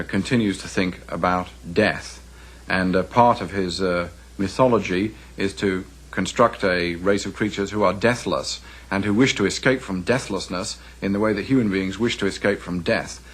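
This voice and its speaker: A man with an English accent offers unscripted scholarly commentary during an interview. His low, husky voice moves deliberately and haltingly as he explains.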